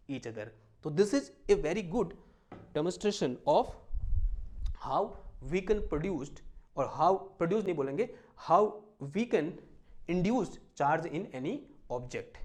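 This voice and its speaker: A man's voice: on the high side, darkish tone. Male physics teacher quizzing his class. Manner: asks the class questions and answers them himself; dictates headings slowly, mixing in English terms. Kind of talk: classroom lecture with live demonstration.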